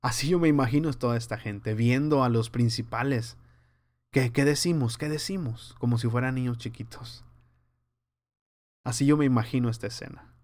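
A man teaching a verse-by-verse Bible study, earnest and conversational, warning his listeners in a preaching tone. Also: medium pitch. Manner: acts out scenes in lively voices.

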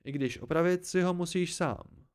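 A stubborn, unsmiling fairy-tale boy, read by a man, calm and firm in each claim. Told as a homemade storybook audiobook. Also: a little high, clear, resonant tone, voice pushed up, natural voice. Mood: solemn. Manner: flat, unsmiling. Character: solemn stubborn boy seeking the moon.

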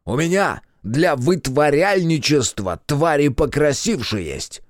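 A man's voice: fairly high pitch, lively intonation, takes it slowly, no room sound, clean studio sound, voice pushed up. A man voicing a brash, insolent captive creature with long ears, who howls and snarls his words. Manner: howling, shouting and snarling.

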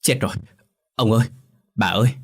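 A man voicing a panicked young servant who stammers and shouts in alarm. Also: lowish voice, fairly quick, slightly rough.

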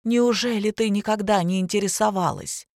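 A woman reader voicing a drunk, hysterical middle-aged woman who shouts and mocks in a slow, drawn-out way. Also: medium pitch, fairly even intonation, no room sound, studio quality, natural voice. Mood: scornful.

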